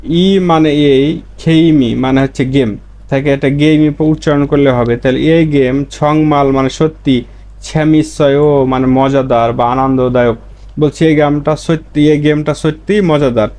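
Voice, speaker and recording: A man's voice: fairly high pitch, steady tone, a little slow, darkish tone. A man teaching Korean grammar, explaining each word and then repeating it in his own language. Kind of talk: explaining lessons.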